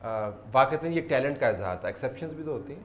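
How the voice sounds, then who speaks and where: A man's voice: medium pitch, lively intonation, a bit bright, roomy sound. A man hosting a TV talk show, asking guests playful, joking questions. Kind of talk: casual TV interview.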